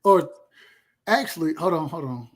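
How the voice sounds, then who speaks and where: A man's voice: a little high, lively intonation, moderate pace. Man in his thirties, from Georgia, casual, rambling, boastful. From Georgia, USA. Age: 30s. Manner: laid-back, boastful, rambling with repeats. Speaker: podcast host. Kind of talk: casual chat.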